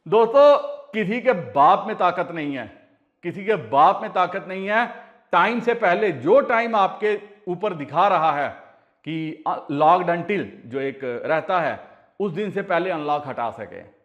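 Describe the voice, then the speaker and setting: A man's voice: high-pitched, lively intonation, takes it slowly, fairly bright tone, muffled recording. A man from India hosting a casual advice vlog, talking earnestly and repeating his warnings over and over, pleading personally with his viewers. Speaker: crypto channel host.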